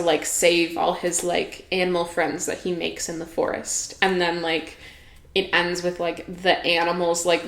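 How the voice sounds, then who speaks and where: A young woman hosting a podcast, chatting casually and giggling, with lots of filler words. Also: on the low side. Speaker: podcast host. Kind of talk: casual chat. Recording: echoey room.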